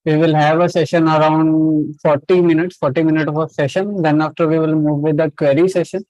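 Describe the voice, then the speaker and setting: A man's voice: fairly high pitch, level tone, a little fast, darkish tone, no echo, dull audio. A man presenting an interactive webinar as host and trainer, often repeating short confirmations and checking in with listeners over an online call. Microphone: online video call.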